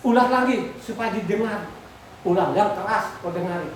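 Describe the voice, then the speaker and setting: A woman's voice: medium pitch, normal speed, slight background noise. A woman preaching a sermon, exhorting her listeners, asking them questions and repeating her words. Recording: echoey room, far from the mic.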